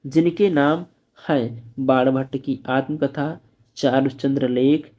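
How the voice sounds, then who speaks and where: A male teacher going through exam-paper answers, reading each answer slowly and explaining it simply. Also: medium pitch, steady tone, highs cut off. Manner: reads answers aloud slowly, then explains in plain asides. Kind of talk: exam-prep lesson.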